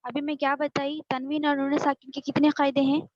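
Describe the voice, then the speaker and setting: A woman teaching a Quran reading class online, slowly spelling out sounds syllable by syllable and often checking that her students follow. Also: high-pitched, little pitch movement, no room sound. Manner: patient, drawn-out syllable-by-syllable spelling, frequent checking questions. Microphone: video call. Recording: dull, lo-fi video call audio.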